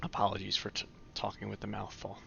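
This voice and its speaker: A male streamer with a low, gravelly voice that still has a bright, forward edge. He chats in a relaxed, easygoing way with his viewers. The audio is dull and lo-fi, like a typical home stream mic. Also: fast, slight background noise. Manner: relaxed, chatty, answers viewer comments. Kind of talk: casual live-stream chat.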